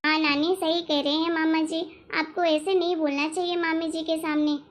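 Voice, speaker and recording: A woman voicing an eager, cheerful teenage niece in an animated family story. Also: very high-pitched, normal speed. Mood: lively. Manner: eager, agreeable.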